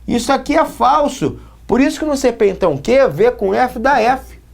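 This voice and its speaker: A man's voice: very high voice, very animated, normal speed, gravelly. A man from Brazil teaching a logic lesson at a whiteboard, checking in with students again and again as he explains. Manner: explains with repeated questions to the students.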